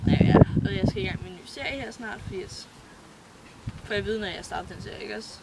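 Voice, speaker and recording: A woman's voice: medium pitch, expressive, gravelly. A teenage girl chatting casually to her webcam at home, rambling, giggling and swearing offhandedly. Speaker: vlogger. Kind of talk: casual rambling chat to camera. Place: at home at the computer. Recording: loud background noise.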